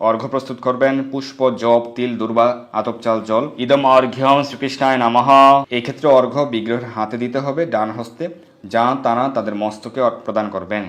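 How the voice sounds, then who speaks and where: Fast-talking man giving ritual instructions. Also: medium pitch. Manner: formal, methodical step-by-step explaining. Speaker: religious instructor. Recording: echoey room.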